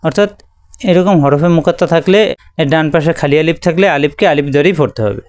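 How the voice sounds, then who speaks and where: A man with a Bangladeshi Bengali accent teaching a patient, step-by-step Quran reading lesson, repeating letters slowly. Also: a little high, a little mellow, no echo.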